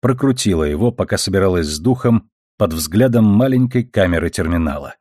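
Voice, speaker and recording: Deep-voiced male audiobook narrator. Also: expressive, a little fast, a little mellow, no echo, studio quality.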